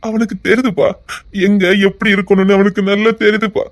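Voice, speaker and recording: An actor playing a remorseful young son who makes earnest, emphatic vows, with a fairly high voice. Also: male voice, flat delivery, quick pace. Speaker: actor in a television serial. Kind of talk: television drama acting.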